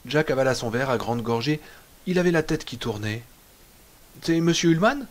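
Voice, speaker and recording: A man narrating an audiobook in a measured, expressive reading. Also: medium pitch.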